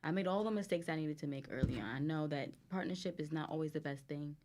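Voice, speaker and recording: A woman from the United States with a Guyanese family background and a Guyanese accent chats candidly as a guest entrepreneur over cocktails. She talks fast in a low-pitched, slightly mellow voice.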